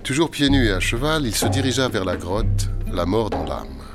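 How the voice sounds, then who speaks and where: A man narrating a storybook tale in a wry, lively storytelling manner. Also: on the low side, normal speed. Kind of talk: storybook reading. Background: music.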